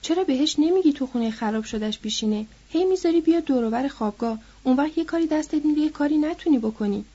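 A woman voicing a mocking, rough adult ranch hand in a read-aloud story, taunting. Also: sits high, expressive, few pauses, dark tone, muffled recording, pitched above the performer's own voice.

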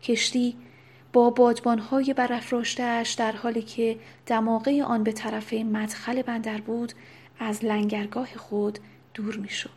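A woman narrating a novel in a soft, unvoiced whisper with steady, even reading. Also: fairly high pitch, husky. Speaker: audiobook narrator. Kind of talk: whispered storytelling.

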